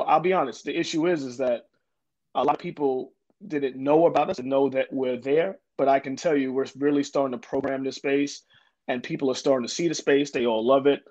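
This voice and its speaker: Medium in pitch with a darkish tone, this man is being interviewed as a guest; he heads a development corporation and comes from Jamaica, Queens, New York. His answers are earnest but full of fillers and restarts. The recording sounds dull and low-fidelity.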